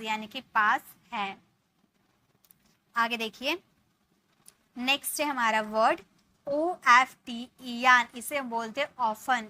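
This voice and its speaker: A woman's voice: a little high, pushed and bright. A woman teaching English vocabulary in Hindi, spelling each word letter by letter and repeating meanings patiently. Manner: spells words letter by letter, then repeats slowly.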